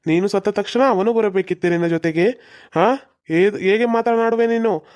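A performer voicing a stern old male exorcist in a cartoon, speaking in slow formal commands. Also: mid-range voice, a little mellow, natural voice. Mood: commanding.

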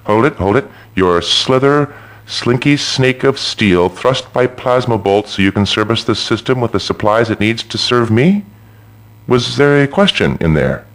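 A male robot who hosts a call-in radio show with smooth, practiced patter. His pitch rises and falls widely as he lectures his callers. He sounds pompous and superior, and a menacing edge shows beneath the on-air polish. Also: lively intonation, a little slow. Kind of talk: video game radio show acting.

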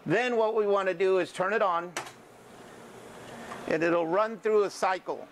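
Older man, welding instructor, fairly high voice, folksy classroom talk, faint background noise. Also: unhurried. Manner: folksy, repeats "okay" and checks in with students. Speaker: welding teacher. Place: school welding shop and classroom, indoors.

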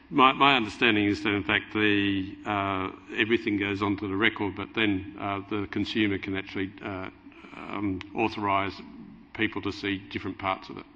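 Flat-voiced middle-aged man on a panel. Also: on the low side. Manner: halting, with many fillers. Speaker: consumer organisation representative. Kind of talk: answering at a panel discussion. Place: large conference hall stage. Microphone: table mic. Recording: dull sound with hall reverb.

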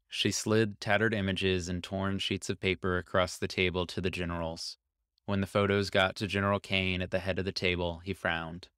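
A man reading a short science fiction story aloud as narrator, calm and even, on a close mic. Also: deep voice, clear, resonant tone, no room sound. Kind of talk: scripted narration.

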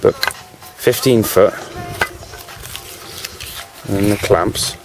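Low-voiced British man rambling casually. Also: drawn-out words, noisy background. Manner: rambling, full of "you know", talking with a cigarette in his mouth. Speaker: vlogger.

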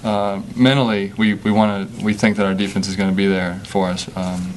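A young man, a college basketball player, answering questions at a postgame press conference at a table mic, halting with many fillers. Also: fairly low pitch, level tone, slight background noise. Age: young adult. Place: press conference room with sponsor backdrop. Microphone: table microphone.

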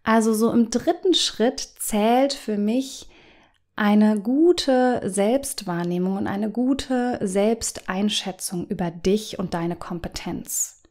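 Gentle guiding woman coach. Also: medium pitch, slow pace. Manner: gentle, guiding, addresses listener directly. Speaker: business coach and podcast host. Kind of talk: coaching podcast monologue.

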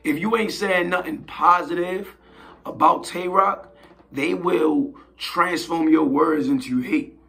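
A hoarse man hosting his own show, giving blunt, slangy casual commentary and often asking "you feel me". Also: a little high, takes it slowly, a bit bright. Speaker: host.

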